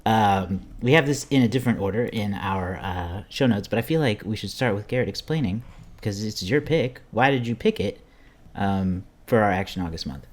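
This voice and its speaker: A man's voice: on the low side, expressive, moderate pace. A man hosting a podcast, introducing the show and chatting casually with his co-hosts. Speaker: podcast host.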